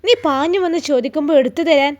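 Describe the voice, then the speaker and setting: A woman voicing a stingy, sharp-tongued older mother-in-law, speaking in a Malappuram accent with a mocking, scolding manner. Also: high-pitched, fast, lightly acted. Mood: scornful. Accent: Malappuram Malayalam.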